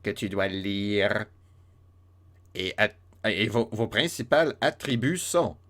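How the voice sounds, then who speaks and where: A tall, stately elf-like man, as a man puts him on speaks in a slow, formal way. The voice sits fairly low and the delivery stays measured. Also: expressive, fairly bright tone.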